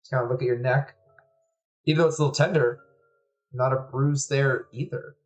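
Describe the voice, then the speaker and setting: Guy gm narrating a tabletop game, laid back and descriptive, mid pitch, says uh and kinda a lot. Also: brisk, highs cut off, faint music behind. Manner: relaxed descriptive narration with fillers. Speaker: game master.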